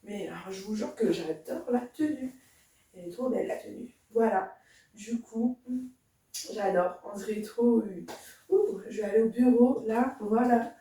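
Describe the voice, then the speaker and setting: A young woman chatting casually and enthusiastically to her viewers in a get-ready-with-me video, speaking softly to a camera set up at a distance. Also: mid-range voice, unhurried. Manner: soft-spoken. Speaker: beauty vlogger. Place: indoor room. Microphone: camera standing at a distance. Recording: very echoey room, voice far from the mic.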